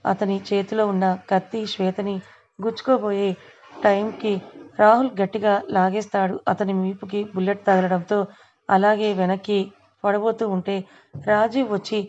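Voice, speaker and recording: A woman narrating a serialized story aloud, reading the characters' dialogue in a steady, even way. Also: mid-range voice, highs cut off.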